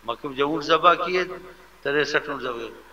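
A man preaching a devotional sermon with fervent, animated delivery, sometimes mimicking how people speak to others. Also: a little high, vocal fry. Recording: lo-fi recording with faint ambience.

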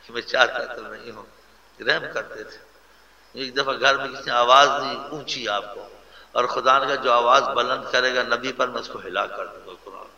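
A man preaching a sermon in an earnest way, swinging between loud and hushed delivery, with a gravelly voice. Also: mid-range voice. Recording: echoey hall, dull lo-fi sound.

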